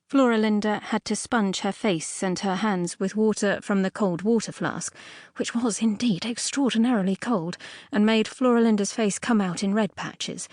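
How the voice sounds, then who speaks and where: Reading a fairy tale aloud, a woman at an ordinary female pitch leans on important words and adds dramatic pauses, with a slightly arch, expressive manner suited to audiobook narration. The close studio sound is very dry, with no echo.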